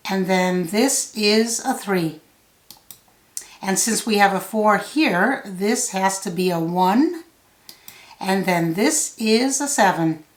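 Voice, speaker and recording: A woman giving a solve-along tutorial, thinking out loud step by step in a measured way. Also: medium pitch, lively intonation. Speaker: puzzle tutor. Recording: roomy, echoey sound.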